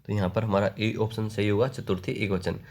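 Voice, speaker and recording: A man leads an online exam-prep lesson in a fairly low voice. He reads each question aloud, then recites the word forms in slow, rhythmic lists. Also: little pitch movement. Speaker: Sanskrit exam tutor.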